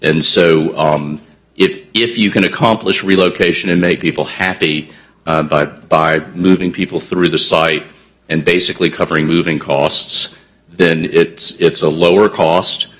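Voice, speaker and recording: A man's voice: low voice, steady tone, measured pace, fairly bright tone. A man presenting as a housing developer at a county commission meeting, explaining at length with many fillers and restarts.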